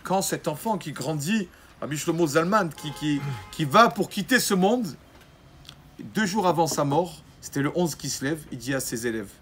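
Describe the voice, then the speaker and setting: Male rabbi, somewhat high voice, lively storyteller who plays the people in his tales and corrects himself mid-sentence. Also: moderate pace, soft background music. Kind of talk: storytelling Torah lesson.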